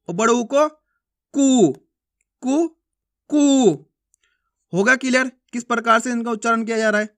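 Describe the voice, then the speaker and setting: A man with a high, bright voice teaches a friendly beginner's alphabet lesson. He keeps quizzing the viewer and draws out each sound as he repeats it.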